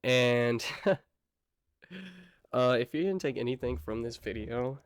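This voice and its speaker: A man's voice: mid-range voice, slow, clear, resonant tone, dry recording. A young man telling a casual storytime vlog in a slangy, laid-back way with apologetic asides. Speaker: vlogger.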